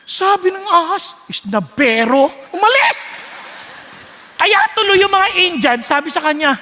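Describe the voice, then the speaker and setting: A man preaching a sermon, storytelling with lively switches between Tagalog and English and acting out voices. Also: very high voice, normal speed, slight background noise. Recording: long hall reverb.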